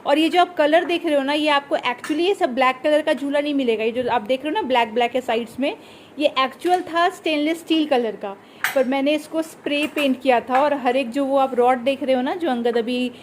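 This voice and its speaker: A young woman with a high, light voice chats to her vlog viewers from her balcony at night. She keeps a running commentary going, easy and talkative, with a faint hum of room sound behind her. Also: fairly quick. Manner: chatty, narrates events to the viewers. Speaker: vlogger. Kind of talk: casual home vlog chat.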